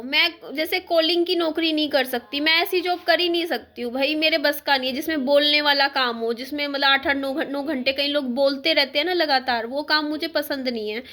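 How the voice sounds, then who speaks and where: A woman chatting casually to her viewers in a rambling vlog, with a sore throat that she clears now and then. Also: high-pitched, sharp tone. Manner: chatty, rambling, with frequent fillers. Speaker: vlogger. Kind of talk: casual chat to camera.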